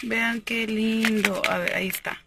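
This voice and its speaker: A woman's voice: on the high side, fairly even intonation, a little slow, noisy background. A young woman, chatting enthusiastically as she unboxes cosmetics in a parked car, filmed on a phone held at arm's length. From Mexico. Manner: chatty and enthusiastic, laughs often. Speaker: cosmetics seller and vlogger. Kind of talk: casual unboxing chat. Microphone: phone camera at arm's length.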